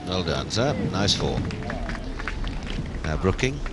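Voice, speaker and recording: A male golf commentator with a low voice that swings widely in pitch as he follows each shot. His phrasing is wry and colourful, and loud outdoor noise runs behind him on the broadcast. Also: big pitch swings, slow. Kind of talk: golf commentary on a televised match. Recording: very noisy outdoor broadcast, wind and traffic-like rumble. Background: outdoor golf course ambience.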